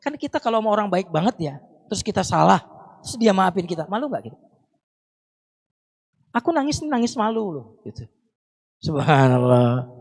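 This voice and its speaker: A young Islamic preacher gives a Ramadan sermon, chatting with the congregation, teasing them in asides, and breaking into recited Arabic prayers. His voice is high-pitched and sing-song, at a moderate pace with frequent pauses.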